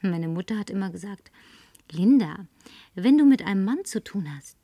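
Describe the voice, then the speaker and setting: This German film dub features a woman with a medium-pitched, dark-toned voice playing a lonely, tipsy advertising agency woman. Breathy and whispery, she flirts and coaxes expressively at a moderate pace, sometimes growing demanding, on a dry recording.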